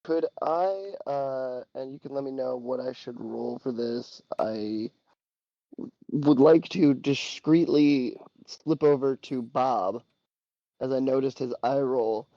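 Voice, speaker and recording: A man's voice: mid-range voice, takes it slowly, warm tone, no room sound, muffled recording. A man talking casually as a player in a tabletop game, improvising his character's moves. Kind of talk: casual improvised role-play talk.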